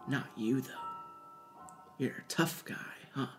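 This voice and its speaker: A storyteller voicing a low, inviting male creature that speaks to a child from up a chimney, sounding distant and hushed. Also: slow, over music. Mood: coaxing. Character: coaxing male hand voice calling down from a chimney. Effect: distant voice echoing down a chimney. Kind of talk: storytelling reading.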